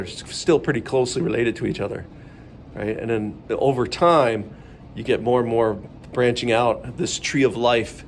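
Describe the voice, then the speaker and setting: A man's voice: mid-range voice, slight background noise. A man teaching a biology lesson in a chatty, upbeat way, rambling a little as he explains. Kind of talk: casual classroom video lesson.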